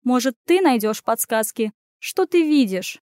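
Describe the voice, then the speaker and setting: A bossy talking she-cat with quick, scolding retorts, pitched up high, as a woman narrator puts her on. The sound is close and dry, with no room around it. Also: expressive, darkish tone, no room sound. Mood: fretful. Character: sharp-tongued female talking cat, bossy. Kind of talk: audiobook character voice.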